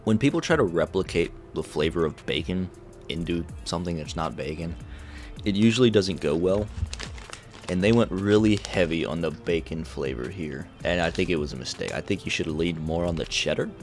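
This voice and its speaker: A vlogger with a low-pitched voice talks a little fast as he casually works through a snack taste test, joking and reacting with exaggerated disgust. Soft music plays in the background.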